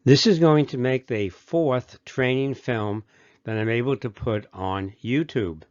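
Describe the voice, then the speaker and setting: A man's voice: mid-range voice, measured pace, darkish tone, no room sound. Dull, dry recording of casual man. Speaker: video uploader. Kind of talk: casual spoken video note.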